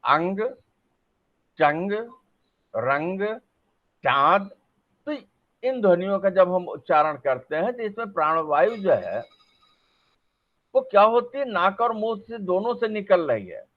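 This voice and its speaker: A man's voice: high-pitched, very animated, normal speed. A middle-aged man giving a classroom lecture to a camera, sounding out examples and answering his own questions. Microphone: facing a camera. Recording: dull lo-fi recording.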